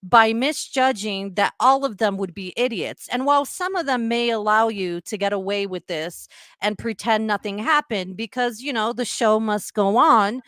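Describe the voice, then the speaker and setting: On a heated podcast livestream, a woman co-host with a Spanish accent sounds upset, speaking emphatically and often repeating herself. Her voice is a little high and a bit bright, at a moderate pace. The recording is dry and studio-clean.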